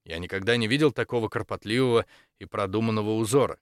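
A man's voice: on the low side, quick pace, dry recording, studio quality, natural voice. A man voicing an earnest, polite young male exorcist in an audiobook, speaking courteously and eagerly.

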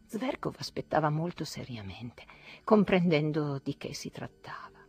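A woman narrating a literary audiobook in a slow, hushed, dramatic way. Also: low-pitched, very animated, slightly rough, no echo. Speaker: audiobook reader.

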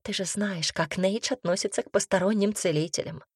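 A woman's voice: medium pitch, a little fast, husky, no room sound, clean studio sound, lightly acted. A woman voicing a worried woman singer in an audiobook, sighing and pleading. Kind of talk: audiobook character reading.

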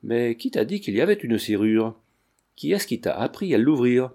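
A man's voice: mid-range voice, very animated, normal speed, vocal fry, warm tone. A man voicing a wrathful, tyrannical prince who speaks in a commanding, contemptuous way. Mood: suspicious.

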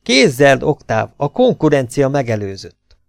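A man voicing a flippant young adventurer in an audiobook, teasing and matter-of-fact with a lively lift. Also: mid-range voice, creaky, dry recording, clean studio sound, soft background music. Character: cocky, flippant young adventurer, cynical charmer. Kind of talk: audiobook character voice.

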